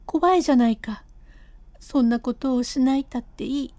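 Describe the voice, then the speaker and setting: A woman's voice: sits high, moderate pace, dark tone, no echo. A woman voicing the stubborn, proud wife of a painter who insists on getting her way, in a storybook reading of a classic comic tale. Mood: distraught. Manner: insistent, rising and pleading.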